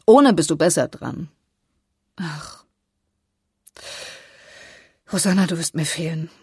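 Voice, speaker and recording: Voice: medium pitch, slow pace, a little mellow, slightly rough, no room sound, clean studio sound, exaggerated voice. A reader voicing a tearful, weary older sister in an audiobook, sounding resigned. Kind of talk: audiobook character voice.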